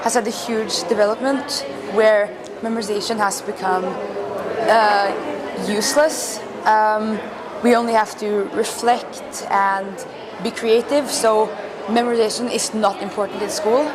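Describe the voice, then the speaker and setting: A woman from Norway, a competitor, answering interview questions earnestly with hesitant pauses. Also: mid-range voice, steady tone. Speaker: competition participant. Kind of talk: on-the-spot interview. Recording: loud crowd and noise at an event.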